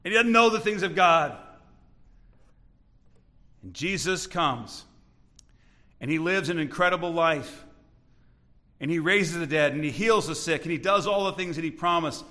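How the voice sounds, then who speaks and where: Guy preaching, high voice, keeps asking the crowd "remember?", acts out the bible bits. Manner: animated storytelling, acting out Bible voices; asks the audience questions. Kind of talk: sermon.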